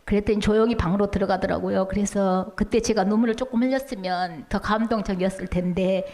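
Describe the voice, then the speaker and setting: A middle-aged woman giving a testimony at church, telling her story in an animated way and acting out the dialogue. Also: mid-range voice, a little fast, long reverb tail. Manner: animated, acts out the quoted dialogue.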